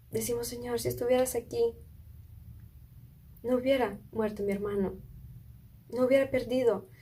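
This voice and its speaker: A woman's voice: fairly high pitch, mellow, husky. A woman preaching a sermon, retelling a Bible story in an earnest way and often asking her listeners questions. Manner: earnest, asks listeners questions, small restarts.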